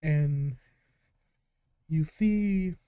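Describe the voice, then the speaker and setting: Mellow-voiced male game master narrating. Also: fairly high pitch, extremely slow, smooth. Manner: calm storytelling with in-character asides. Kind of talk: narrating a live tabletop game.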